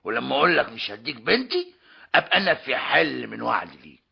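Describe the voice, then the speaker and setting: A man's voice: mid-range voice, big pitch swings, fast talker, creaky, slightly rough, exaggerated voice. An actor playing a stubborn, scheming older tradesman and father in an old radio comedy drama, mocking and theatrical, with an Egyptian Arabic accent. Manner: mocking, theatrical, keeps repeating a polite tag. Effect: old lo-fi radio drama recording. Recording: dull lo-fi old radio recording.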